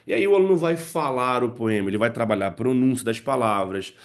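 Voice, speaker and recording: A man with an expressive, fairly quick, mid-range voice explains to parents and teachers how to use poems in English lessons. He goes step by step, regularly checking in with "né" and "tá."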